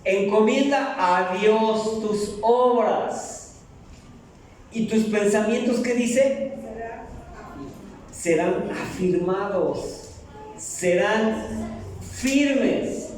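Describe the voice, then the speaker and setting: A man's voice: high-pitched, extremely slow, long pauses, a little mellow, distant mic, slight background noise. A middle-aged man preaching a sermon in a church, joking and asking the congregation questions. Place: church hall. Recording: echoey hall, mic from afar.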